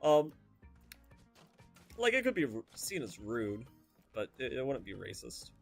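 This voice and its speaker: Rambling, animated male game streamer. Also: medium pitch, measured pace, creaky, soft background music. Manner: rambling, chatty, full of fillers and tangents. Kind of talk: casual gameplay commentary.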